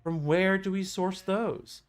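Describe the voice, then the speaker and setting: Man doing a haughty old male elder, pitched up. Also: steady tone, takes it slowly, clear, resonant tone. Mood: scornful, sceptical. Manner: condescending, imperious. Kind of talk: video game character dialogue read aloud.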